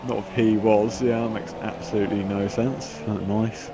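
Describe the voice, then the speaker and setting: Here a man speaks at a normal pace in a lowish, level tone, with noise in the background. He's commentating a sim race casually, nasal from a cold, rambling, chatty and self-mocking.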